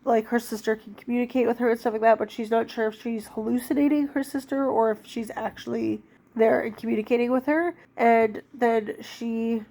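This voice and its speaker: This book vlogger, a woman in her thirties with a blocked-up cold, rambles casually about books with lots of filler words. Her warm voice is on the high side, fairly even in intonation, and a little fast.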